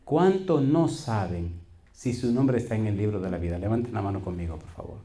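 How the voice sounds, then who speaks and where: A man's voice: fairly low pitch, expressive, a little fast, dark tone. A middle-aged man, a pastor preaching a sermon, questioning the congregation and telling folksy stories with quoted voices. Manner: preaching with call-and-response questions.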